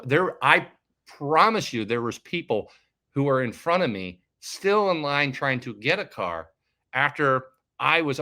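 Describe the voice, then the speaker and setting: A man casually telling a story to camera, acting out what other people said. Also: medium pitch. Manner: animated, acts out other people's lines. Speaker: finance YouTuber.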